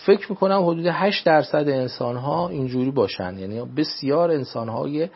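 A man speaking as a religious adviser on a talk show, in a formal, measured way, often repeating set phrases. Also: a little high, lively intonation, gravelly, slightly rough, dull audio. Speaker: religious speaker giving advice. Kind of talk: radio talk show guest.

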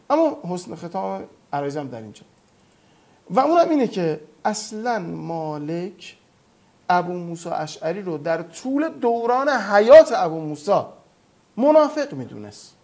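A man's voice: high-pitched, darkish tone. A man speaking as a guest on a talk program, retelling religious history emphatically with quoted dialogue. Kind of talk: animated lecture-style storytelling.

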